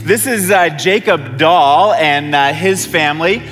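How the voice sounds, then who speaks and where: A man's voice: on the high side, measured pace, a bit bright, big-room sound. A middle-aged man, a pastor, presenting a church gift from the stage in an upbeat way. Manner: upbeat, cheering. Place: church stage, then a parking lot. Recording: music playing behind.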